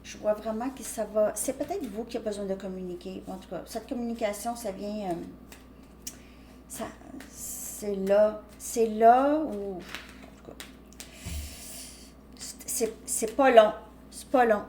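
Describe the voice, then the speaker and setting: A woman gives a casual tarot reading in a mid-pitched voice. She talks hesitantly, often restarting her sentences and tagging them with a quick "ok?". Faint noise sits under her voice. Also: warm tone. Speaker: tarot reader.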